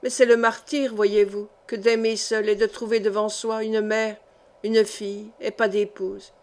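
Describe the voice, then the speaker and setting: A woman's voice: medium pitch, flat delivery, a little slow, close to an everyday voice. A woman reading the part of an anguished, jealous young nobleman husband in an audiobook, passionate and pleading.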